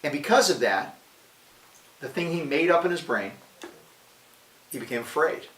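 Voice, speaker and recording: Bright-voiced male devotional podcast host. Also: a little high, moderate pace, far from the mic, a little hiss or hum. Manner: energetic, conversational preaching. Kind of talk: casual devotional talk. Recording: roomy, away from the mic.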